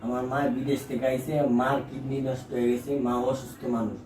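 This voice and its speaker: A man's voice: mid-range voice, little pitch movement, darkish tone, natural voice. A man playing a debt-ridden son scolding his mother in rustic speech. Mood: hushed. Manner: rapid, agitated scolding in dialect. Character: indebted adult son, defensive and scolding. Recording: echoey room, far from mic, faint noise.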